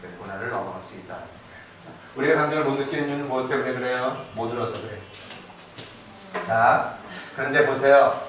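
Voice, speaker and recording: A man giving a live parenting lecture to an audience, animated, asking questions and answering them himself, moving between casual and polite speech. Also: medium pitch, brisk. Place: lecture hall. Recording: very echoey hall, distant mic, noisy.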